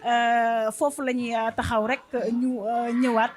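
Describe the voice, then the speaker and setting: Senegalese woman TV interviewer with a slightly high voice, halting, filler-heavy questions. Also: flat delivery. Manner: hesitant, many fillers and restarts.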